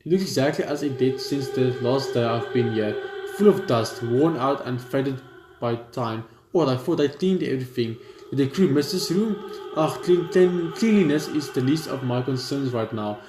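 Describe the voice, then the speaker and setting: Over music, a young man with a mid-range voice and lively intonation reads a visual novel at a moderate pace for a let's play. He stumbles now and then and reacts informally; the at-home room sound is echoey with clear background noise.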